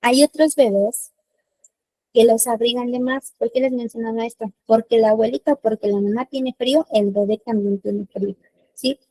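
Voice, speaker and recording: Woman, webinar lecture, explanatory, mellow tone, dry recording. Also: on the high side, fairly even intonation, moderate pace, no room sound, low-quality recording. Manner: explanatory, checks in with frequent "¿sí?". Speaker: newborn care instructor.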